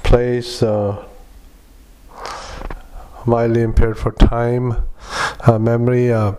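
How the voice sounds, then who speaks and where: A man doing medical dictation in halting, clipped fragments, speaking punctuation aloud as a clinician recording patient notes. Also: mid-range voice, level tone, dark tone. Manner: halting, fragmented clipped phrases with frequent long hesitations.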